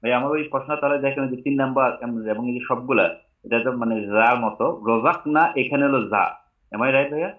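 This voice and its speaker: Fast-talking man on a tinny line. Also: medium pitch. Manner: polite, hesitant, talks fast. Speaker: student. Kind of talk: asking a question in an online class. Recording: tinny phone-like line with echo.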